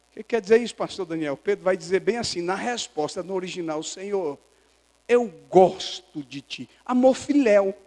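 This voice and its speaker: A male pastor preaching a sermon, acting out dialogue between Jesus and Peter and rising to shouted emphatic peaks. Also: sits high, in a large hall, low-quality recording.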